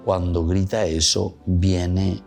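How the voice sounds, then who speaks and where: A man with a Paraguayan Spanish accent delivers a reflective homily in a deep, low voice. He keeps slipping between Spanish and Guaraní and circles back to repeat his points. Faint music plays behind him. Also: flat delivery, slow, creaky, a little mellow. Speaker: priest.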